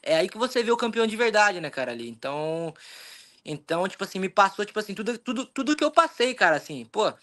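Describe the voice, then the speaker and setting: A young man with a Brazilian Portuguese accent, telling his story in an animated, rambling way in a casual interview, acting out his own thoughts. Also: sits high, fast talker. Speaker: jiu-jitsu athlete, interview guest.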